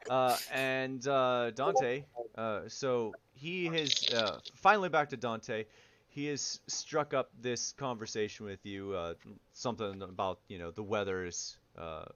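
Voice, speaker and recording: A man improvising narration as game master of a tabletop game, in a halting manner. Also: medium pitch, a bit bright, muffled recording, slight background noise.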